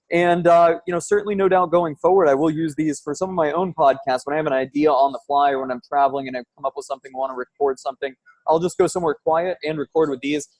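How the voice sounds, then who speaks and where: A man's voice: fairly high pitch, darkish tone, no echo, rough recording. A man with a slightly raised voice talks in a loose, conversational way, like a podcaster testing gear for viewers. His voice is captured through an earbud headset serving as the mic, with very little room reflection. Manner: conversational, informal. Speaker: podcaster reviewing earbud microphones. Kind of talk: casual product-test vlog. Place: loud coffee shop. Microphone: wired earbud headset used as mic.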